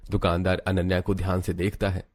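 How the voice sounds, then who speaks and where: A man narrating a cartoon story in a steady, plain storytelling manner. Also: low-pitched, fairly quick.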